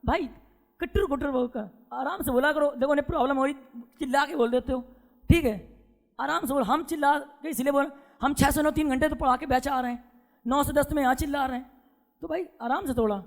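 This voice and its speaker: A man's voice: extremely high pitch, brisk, in a large hall. A male teacher giving a classroom lecture, drilling his students with repeated questions and having them chant answers back.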